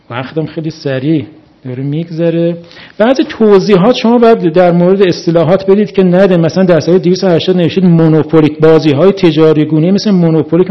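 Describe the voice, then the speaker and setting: A man on a panel critiquing a translation, talking methodically through examples one by one. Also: high-pitched. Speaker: reviewer of a translated book. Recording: dull lo-fi recording.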